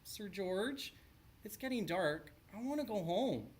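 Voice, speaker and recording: Timid young storybook knight, played by a man: squeaky, high, earnest. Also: expressive, measured pace.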